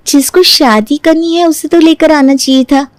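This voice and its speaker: A woman's voice: sits high, moderate pace, no room sound, voice pushed up, close to an everyday voice. A woman voicing a rude, scornful young woman in a cartoon who bluntly turns down a suitor.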